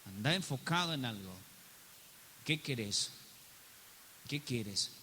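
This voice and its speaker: A man's voice: mid-range voice, lively intonation, slow, bright, forceful tone. A man, a pastor, preaching a sermon to his congregation and repeatedly asking them "yes or no?". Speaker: pastor and prophet. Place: church hall. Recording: reverberant hall with faint hiss.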